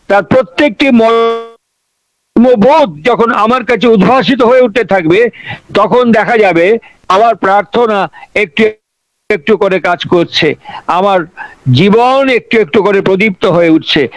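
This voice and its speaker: A man's voice: sits high, fairly bright tone, no echo, poor audio. A man giving a devotional sermon, preaching with emphatic, repetitive rhetoric.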